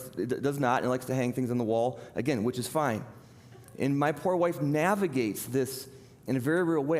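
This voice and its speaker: A man's voice: mid-range voice, darkish tone. Middle-aged guy pastor preaching casual, joking about himself, big echoey church hall. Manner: conversational, self-deprecating storytelling. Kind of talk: sermon. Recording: long reverb of a large hall.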